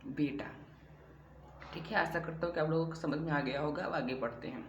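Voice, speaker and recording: Man teaching in an echoey room. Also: a little high. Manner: slow, repetitive explaining with rhetorical questions. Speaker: Hindi teacher. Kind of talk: classroom-style grammar lesson. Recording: echoey room with faint background hum.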